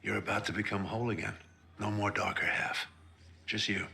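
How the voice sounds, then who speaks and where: An actor playing a brilliant male scientist in a film clip, speaking slowly, quietly and insinuatingly. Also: lowish voice, steady tone, vocal fry. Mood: quietly probing. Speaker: film villain in a played clip.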